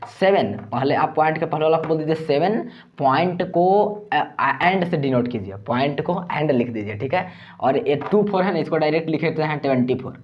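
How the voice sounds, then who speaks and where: Man, math teacher, patient step-by-step explaining, medium pitch, muffled lo-fi recording.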